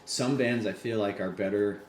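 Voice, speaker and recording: A man co-hosting a podcast in casual chat, relaxed, adding short reactions and jokes. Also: lowish voice, moderate pace, slight background noise. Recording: echoey room, faint ambience.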